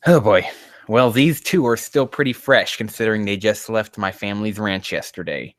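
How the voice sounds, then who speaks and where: A man whose voice sits on the low side reads fan fiction aloud at a moderate pace, recorded without echo. As the host, he casually mocks the amateur writing, drifting into rambles, cursing in annoyance and stumbling over passages.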